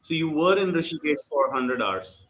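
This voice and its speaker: A man's voice: fairly high pitch, lively intonation, fairly bright tone. A man teaching yoga philosophy in an online class, explaining patiently and checking that his student follows. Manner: patient, explains slowly with many checks for understanding. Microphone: video call. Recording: dull lo-fi video call audio with faint music.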